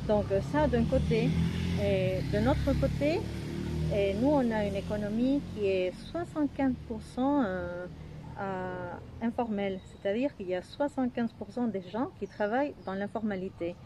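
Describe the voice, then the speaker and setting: A woman's voice: medium pitch, moderate pace. A woman from Peru with a Spanish accent in French, answering as an expert interviewee and often searching for words. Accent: Peruvian Spanish accent in French. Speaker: anthropologist interviewee. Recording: clear background noise.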